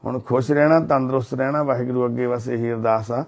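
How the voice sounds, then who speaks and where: A man, a charity volunteer speaking gently and reverently in a home as he makes an appeal and reassures an elderly couple. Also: mid-range voice, steady tone, quick pace. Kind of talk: on-the-spot appeal and consoling talk. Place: indoors at a family home.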